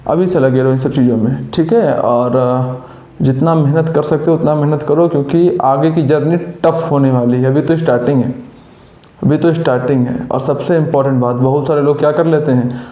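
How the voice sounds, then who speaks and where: Male coaching teacher, warm higher voice, roomy echo, scolds and motivates. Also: fairly even intonation, moderate pace. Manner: scolding and coaxing students with rhetorical questions. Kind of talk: motivational classroom talk.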